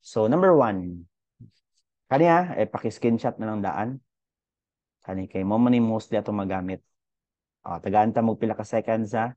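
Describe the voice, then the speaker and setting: A young man teaching a casual online physics lesson. His voice sits a little low and sounds mellow and warm, recorded dry and close. He talks in a chatty way, thinking aloud with fillers. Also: normal speed, long pauses, no room sound, dull audio.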